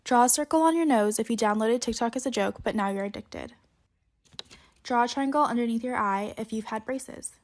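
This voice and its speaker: A woman reading out a list of challenge prompts in a steady, list-like way. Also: on the high side, a little fast.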